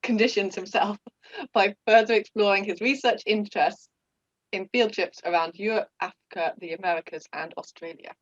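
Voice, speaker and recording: A woman's voice: medium pitch, steady tone, normal speed, dry recording. A woman in her thirties hosting a casual interview, friendly and giggly, with frequent fillers. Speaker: podcast host. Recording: dull, dry lo-fi audio.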